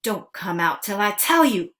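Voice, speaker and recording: A woman's voice: medium pitch, big pitch swings, a little slow, sharp tone. Storybook reading: woman voicing a fierce, protective elderly woman, urgent and scolding. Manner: urgent, scolding folksy speech.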